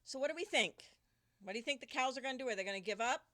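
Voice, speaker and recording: A woman teacher reading a picture book aloud to children indoors, animated and stopping often to ask the children questions. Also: sits high, very fast.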